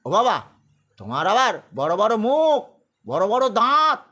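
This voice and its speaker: A man playing an awestruck young warrior who pleads and exclaims in wonder, told as part of a sermon. The voice is raised and high. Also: sing-song, a little slow, sharp tone, full character voice. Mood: awestruck, pleading.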